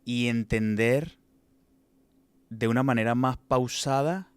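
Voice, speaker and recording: A man's voice: mid-range voice, slow pace, clear, resonant tone, dry recording. A man with a Venezuelan accent talking about fatherhood in a casual chat, often stumbling and repeating words. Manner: hesitant, repeats and restarts words. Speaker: father in a podcast conversation.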